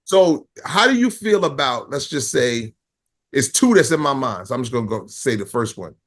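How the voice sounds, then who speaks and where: A man co-hosting a podcast, animated and cursing, laughing a lot and thinking aloud in casual sports talk. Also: mid-range voice, moderate pace. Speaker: podcast co-host.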